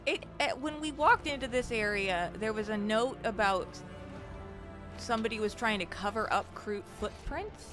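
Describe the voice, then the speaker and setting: A woman's voice: on the high side, normal speed. A woman co-hosting a game stream with casual, playful, joking chat. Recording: music behind.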